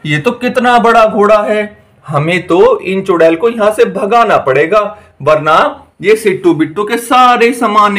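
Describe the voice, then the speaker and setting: A man's voice: high voice, a bit bright. A man narrating a toy-doll story in an eager, exclaiming, repetitive way.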